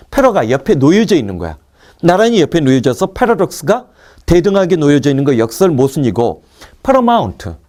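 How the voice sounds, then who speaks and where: Animated man teaching English vocabulary. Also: fairly high pitch. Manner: lively, drilling word roots with quick asides to students. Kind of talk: recorded online lecture.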